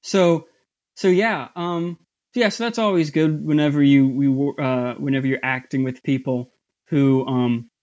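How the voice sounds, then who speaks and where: A voice actor guesting on a casual interview talks about his voice acting work, speaking haltingly with many fillers and restarts. His somewhat high voice has fairly even intonation and a darkish tone, and the recording is muffled.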